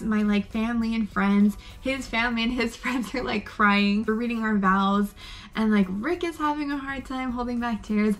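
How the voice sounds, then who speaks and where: A young woman from Arizona, a vlogger chatting casually and gushing, with lots of "like" fillers. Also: medium pitch. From Arizona, USA. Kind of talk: casual chat.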